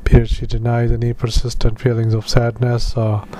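A man speaking as a doctor doing medical dictation, in halting, clipped phrases with spoken punctuation. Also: mid-range voice, completely flat delivery, dark tone, a little hiss or hum. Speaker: doctor dictating clinical notes.

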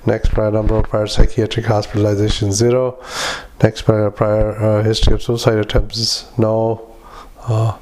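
A man with a lowish voice and very flat intonation delivers medical dictation. He speaks as a clinician, in short broken phrases with frequent hesitations, calling out punctuation and formatting as he goes. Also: poor audio. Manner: halting, fragmented clipped phrases with frequent long hesitations. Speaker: clinician dictating psychiatric notes.

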